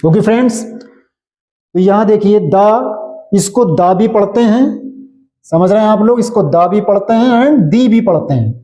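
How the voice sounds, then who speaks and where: Slow, dark-voiced male English teacher. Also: high voice, animated, highs cut off. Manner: repetitive, checks understanding often. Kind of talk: slow classroom explanation in Hindi.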